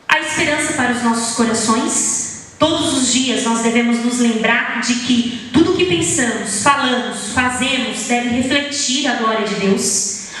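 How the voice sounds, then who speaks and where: A woman preaches to her congregation with an animated delivery, reading scripture as if telling a story. Her voice is high and sounds distant from the microphone. The church hall around her has a long, heavy reverb. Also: unhurried. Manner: animated, shifts pitch to act out quoted speakers. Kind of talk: sermon with expressive scripture reading. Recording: echoey hall, voice from far off.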